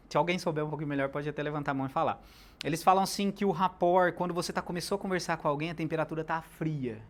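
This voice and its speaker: A man giving a live sales lecture, animated, shifting loudness and pace for emphasis and throwing questions at the audience. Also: sits high. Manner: talks directly to the audience with questions.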